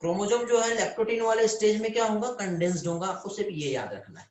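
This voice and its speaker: A man's voice: high voice, lively intonation, fast talker, darkish tone, roomy sound. A man teaching biology in a live online lecture, calling students "beta" and often checking whether they understand.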